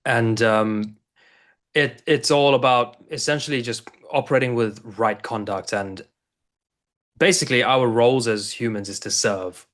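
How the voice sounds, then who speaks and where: A man's voice: medium pitch, unhurried, fairly bright tone. A man in his thirties from South Africa, a coach and guest on an interview show, telling his story in a loose, rambling way with many restarts. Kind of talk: casual interview talk.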